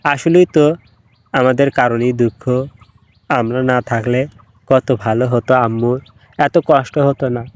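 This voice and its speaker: A man's voice: medium pitch, fairly even intonation, a little slow, long pauses, no room sound, natural voice. A man voicing a weary, irritable young mother of three who snaps at her children. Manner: sharp, irritable.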